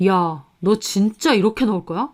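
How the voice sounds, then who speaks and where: A woman's voice: medium pitch, normal speed, close to an everyday voice. A woman voicing an angry young husband who blames his wife in a storytelling radio drama. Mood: accusing. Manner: accusing, whining.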